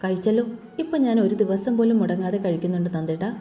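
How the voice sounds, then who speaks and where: A woman's voice: medium pitch, fast, close to an everyday voice. A woman voicing a shy young wife. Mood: soft, affectionate. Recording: dull lo-fi recording with long reverb.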